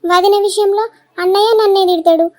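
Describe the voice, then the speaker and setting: Figure: aggrieved younger sister in a cartoon, voiced by a woman. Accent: Telangana Telugu. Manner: complaining. Pitch: very high and flat. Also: a little fast. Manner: complaining, tattling.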